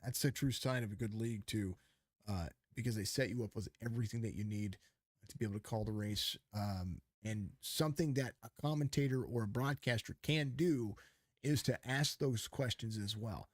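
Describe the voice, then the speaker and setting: This podcast host, a race commentator, chats casually and emphatically about calling races, full of false starts and fillers, close-miked with no room sound. He claims his voice suits radio, and it is fairly low, delivered at a normal speed.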